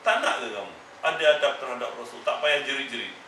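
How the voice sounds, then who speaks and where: A man's voice: medium pitch, expressive, fast talker, pushed and bright, a little hiss or hum. A man teaching a Quran exegesis class, admonishing his listeners emphatically and repeating his warnings. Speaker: religious teacher. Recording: echoey room, mic far off.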